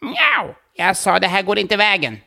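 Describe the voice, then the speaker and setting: A man voicing an eager female cat in a children's story, starting her lines with a high meow. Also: very animated, gravelly, bright, forceful tone, full character voice. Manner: high squeaky meows before speaking. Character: eager female glitter cat who keeps meowing.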